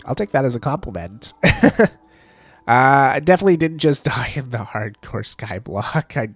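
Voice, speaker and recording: A man's voice: mid-range voice, lively intonation, moderate pace, dry recording, soft background music. A man streaming a game live, chatting casually with viewers and laughing often, his voice stuffed up from allergies. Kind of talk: casual live-stream chat while gaming.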